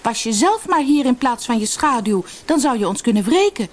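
A woman's voice: high-pitched, huge pitch swings, moderate pace, slight background noise, voice pushed up. Woman doing an indignant young sister. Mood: calling out. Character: insulted young girl, sister seeking revenge.

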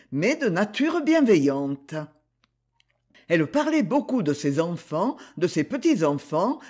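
A man narrating a novel aloud as an audiobook reader, in a measured, expressive way. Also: high-pitched, slightly rough. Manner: slow, expressive reading.

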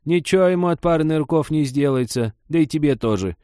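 In a dry, close audiobook recording with no echo, a man with a low, mellow reader's tone puts on the voice of a nosy old village woman. His character voice is high and loud, expressive and brisk, lightly acted. She is bossy, pushy and scornful, barking orders and waving off every objection.

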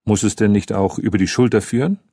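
A man reads a grown detective who teases without raising his voice, husky and low-pitched. He is unhurried and dry in tone, and the sound is close and dead. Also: warm tone, no echo. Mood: wry. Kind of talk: audiobook character reading.

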